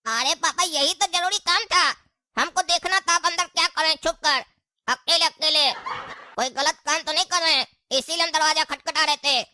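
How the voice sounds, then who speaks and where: Woman doing a sassy whiny kid, super high and bright. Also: normal speed, no room sound, clean studio sound. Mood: nosy. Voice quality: whiny, cheeky back-talk. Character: cheeky lazy grown child of the house. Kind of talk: comedy skit acting.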